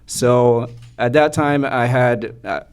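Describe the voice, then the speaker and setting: A young man from Somalia, a physician, giving a measured personal talk to an audience with frequent fillers. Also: mid-range voice, smooth. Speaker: guest speaker, physician.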